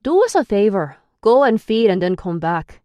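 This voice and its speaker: A woman narrator voices a gruff, sarcastic young man guarding a captive he has no patience for, his lines raised, pushed and scolding, pitched above her reading voice. It's recorded close and dry with no room sound, a natural, warm voice with big pitch swings at moderate pace. The mood is stern, the character an irritable, sarcastic young male captor.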